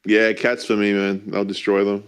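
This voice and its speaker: A man's voice: on the low side, monotone, moderate pace, clean tone. A man co-hosting a casual sports podcast, chiming in with short, confident remarks. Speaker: podcast co-host.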